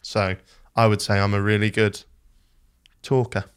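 Chatty young Englishman, low-pitched. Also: flat delivery, unhurried, clean tone. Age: 20s. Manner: chatty, self-deprecating, frequent restarts. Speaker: podcaster. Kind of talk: casual podcast conversation.

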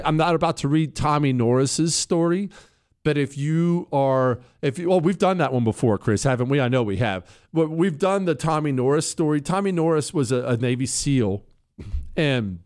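A man's voice: fairly high pitch, darkish tone, dry recording, studio quality. A middle-aged man hosting a radio talk show, moving between casual, wry asides and reading aloud.

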